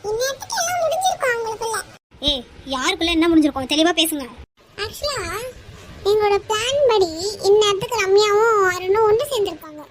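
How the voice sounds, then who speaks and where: A woman voicing a group of young women in an animated cartoon, bickering and teasing each other. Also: extremely high pitch, fairly quick, background noise. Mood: quarrelsome. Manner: quarrelsome, teasing. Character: young women friends bickering with office bullies.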